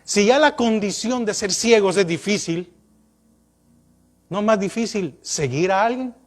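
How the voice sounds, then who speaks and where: Male pastor, high voice, preaching sermon with lots of rhetorical questions. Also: lively intonation, unhurried. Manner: questioning the congregation, rising and falling emphasis.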